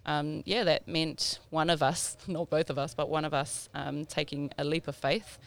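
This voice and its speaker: Woman in her thirties, Māori New Zealand accent, casual interview guest, creaky edge, smooth tone, te reo words mixed in. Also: low-pitched, flat delivery, normal speed. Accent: Māori New Zealand English, South Auckland. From South Auckland, New Zealand. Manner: informal, mixes te reo Māori words into English. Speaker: podcast guest.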